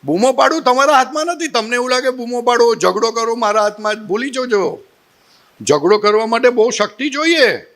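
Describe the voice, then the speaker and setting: A spiritual teacher with a Gujarati accent gives a satsang talk, telling animated, humorous stories and posing rhetorical questions to the audience. His voice is very high and brisk.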